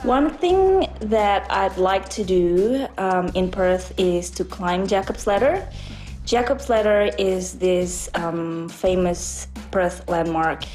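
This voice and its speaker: A woman's voice: medium pitch, slow, darkish tone, soft background music. A young woman from Indonesia, talking about her life in a personal documentary interview, chatty and a little hesitant. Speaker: featured resident.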